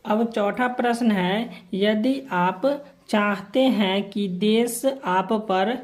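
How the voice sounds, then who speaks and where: A woman teacher from Bihar talks through textbook questions and answers at a slow, unhurried pace. Her pitch sits in an ordinary middle range, and she keeps coming back to the same stock phrases as she writes each answer out. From Bihar, India. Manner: slow, repeats formulaic phrases while writing answers. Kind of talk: homework answer walkthrough lesson.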